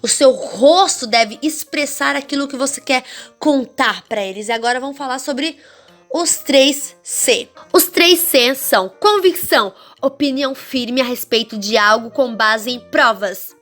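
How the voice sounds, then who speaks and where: A woman with a Brazilian accent teaching an online course for children's ministry teachers, expressive and speaking straight to the viewer with frequent check-ins. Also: high-pitched, moderate pace, soft background music. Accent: Brazilian Portuguese. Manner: demonstrates varied, theatrical intonation.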